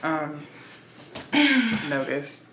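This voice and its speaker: A woman vlogger chatting at home, candid and loose with her swearing. Her voice sits a little low for a woman. The room rings with echo and there is noticeable noise underneath. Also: little pitch movement, drawn-out words. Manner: candid, swears freely, tells stories with playful voices. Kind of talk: casual chat.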